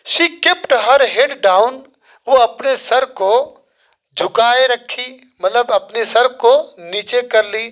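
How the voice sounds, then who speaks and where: A teacher explaining an English story line by line, reading the text slowly and then retelling it in casual Hindi. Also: medium pitch, a bit bright.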